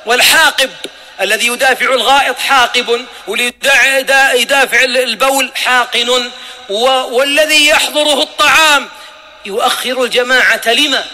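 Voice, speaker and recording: A man preaches a sermon in a very high, bright and forceful voice. He talks emphatically, throws rhetorical questions at his listeners and acts out little exchanges. Long hall reverb rings out behind every phrase. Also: fairly even intonation, moderate pace.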